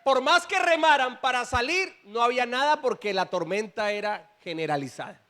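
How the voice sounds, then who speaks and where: High-voiced man preaching a sermon. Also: animated, normal speed, pushed and bright. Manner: preaching with rising emphatic bursts and asides to the congregation. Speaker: pastor. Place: church.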